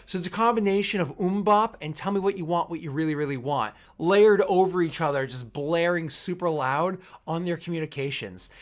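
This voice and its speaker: A man narrating a tabletop game as game master, casual and improvised, in an animated storytelling way. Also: fairly high pitch, moderate pace, hardly any pauses. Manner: animated storytelling with vocal sound effects.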